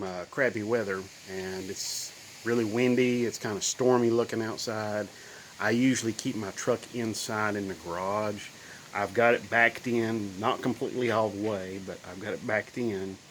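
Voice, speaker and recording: A fiftyish man with bronchitis, a bit nasal, walks through his old car in a casual vlog shot on a phone at arm's length inside his cluttered home garage. His low-ish voice is folksy and rambling, full of ums and restarts, and the rough recording carries a little hiss or hum.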